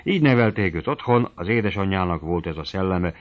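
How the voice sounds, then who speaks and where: A man reading a novel aloud as an audiobook narrator, calm and measured. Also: sits low, narrow, tinny audio.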